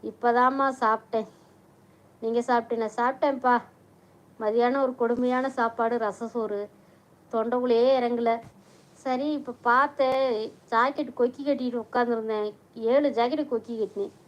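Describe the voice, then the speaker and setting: A middle-aged woman hosting a casual live stream, chatting warmly with viewers, reading out their comments and mixing in English words. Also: a little high, steady tone, normal speed, long pauses, lo-fi sound.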